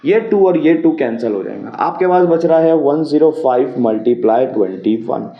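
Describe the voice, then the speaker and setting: A man's voice: medium pitch, animated, moderate pace. Patient male maths teacher, roomy lo-fi. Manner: patient, repeats key steps, asks and answers own questions. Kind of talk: explaining a maths problem. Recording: roomy, dull lo-fi sound.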